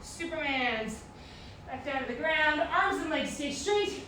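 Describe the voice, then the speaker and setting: A woman's voice: sits high, animated, unhurried, recorded from a distance. A woman coaching a workout as an aerobics instructor, encouraging, calling out short cues and counting reps in a very echoey, noisy room away from the mic.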